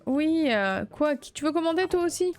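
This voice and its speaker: A woman's voice: sits high, expressive, normal speed. A woman streaming a video game, chatting playfully with the game's customers and breaking into flustered outbursts when things go wrong. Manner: flustered outbursts and shouting at chaos. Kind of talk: let's play commentary.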